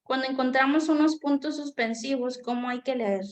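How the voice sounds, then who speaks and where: A woman's voice: high voice, fairly even intonation, normal speed. A woman teacher leading a class, patiently asking questions and sometimes searching for the right words. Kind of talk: online class lesson.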